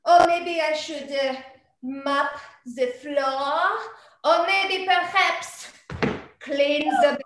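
An actress playing a nervous, coy maid with a French accent, over a video call. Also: female voice, high voice, extremely slow, fairly bright tone, reverberant, full character voice.

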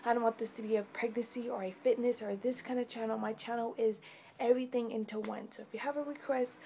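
A woman's voice: fairly high pitch, fairly even intonation, fast talker, gravelly, mellow, a little hiss or hum. A tired young woman giving a casual, rambling pregnancy update vlog at home, with many fillers. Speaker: vlogger.

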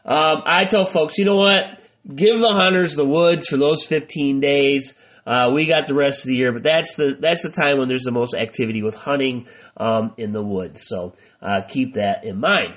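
A man's voice: medium pitch, moderate pace, a bit bright. An American man with a muffled, stuffy-nosed voice from allergies, hosting a solo podcast in a chatty, folksy, informal way. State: congested from allergies. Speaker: podcast host. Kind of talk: casual solo podcast talk. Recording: dull, muffled lo-fi podcast audio.

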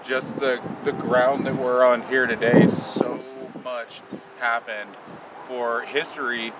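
A man's voice: medium pitch, flat delivery, takes it slowly, heavy background noise. A man co-hosting an exploration vlog, explaining things thoughtfully outdoors on a neighborhood street, with a rambling, filler-filled delivery. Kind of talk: casual on-location explaining. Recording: distant voice with music bed.

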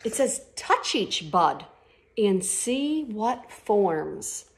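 A phone camera roughly a metre off records a woman in her thirties on a living-room couch, reading a picture book to children in a mid-range voice. She performs it like a story-time teacher, gasping and stretching out words expressively for the kids.

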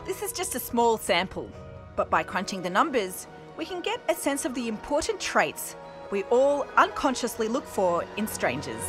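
This woman's voice is a little high and very animated, moving at normal speed over background music in a low-quality recording. As a science documentary presenter, she cheerfully interviews volunteers both outdoors near a beach and aboard a parked bus, explaining things clearly and in a friendly way.

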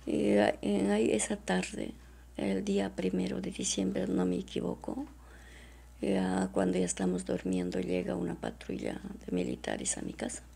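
Distressed woman with a gravelly voice. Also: on the low side, huge pitch swings, warm tone. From Peru. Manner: halting and repetitive, often addressing the interviewer as doctora. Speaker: witness. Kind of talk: emotional testimony in an interview.

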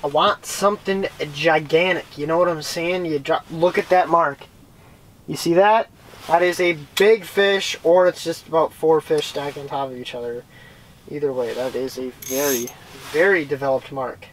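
A man's voice: on the high side, steady tone, moderate pace, rough recording. Young man, fishing how-to vlog, chatty explaining, small ice shelter, camera mic, light background noise. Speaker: fishing vlogger. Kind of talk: casual how-to commentary. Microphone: camera-mounted shotgun mic with windscreen.

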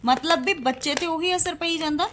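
A woman's voice: very high voice, moderate pace, background noise. A woman in her thirties talking straight to camera in a casual roast vlog, scornful and indignant, calling her viewers brothers and sisters. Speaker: vlogger.

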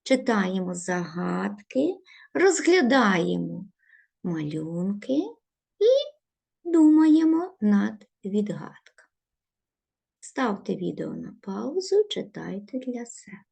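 A woman teacher giving a recorded video lesson to young pupils, setting out instructions slowly and stressing each word. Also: medium pitch, very animated, creaky, breathy edge. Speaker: primary school teacher.

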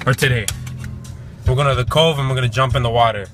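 A young adult man vlogs casually with plenty of slang, filming himself at arm's length with a handheld camera in a car and outdoors. He has a mid-range voice and talks fast, with music and car noise in the background.

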